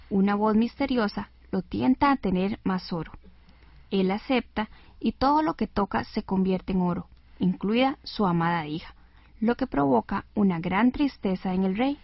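A woman's voice: medium pitch, animated, moderate pace, no room sound. Woman teacher-host, dry close voice, radio lesson. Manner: clear, didactic. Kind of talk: scripted educational radio. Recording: dull lo-fi radio recording.

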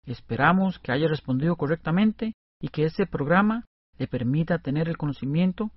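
Lively man explaining grammar. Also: fairly high pitch, moderate pace, no room sound. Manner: explains spelling rules step by step, lively delivery. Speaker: co-host playing the student. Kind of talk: scripted educational radio dialogue. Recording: dry, lo-fi radio recording.

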